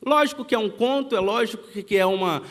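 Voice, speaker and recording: High-voiced Brazilian pastor in a reverberant church. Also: male voice, fast talker. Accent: Brazilian Portuguese. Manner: storytelling, acts out quoted family dialogue. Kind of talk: sermon with personal storytelling.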